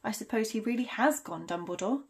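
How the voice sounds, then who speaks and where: A woman's voice: on the high side, animated, fairly quick, vocal fry, breathy edge, full character voice. Woman acting out stern, indignant Professor McGonagall. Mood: irritable. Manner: clipped, indignant, emphatic. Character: stern, impatient, proper witch professor, easily flustered. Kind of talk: storybook character reading.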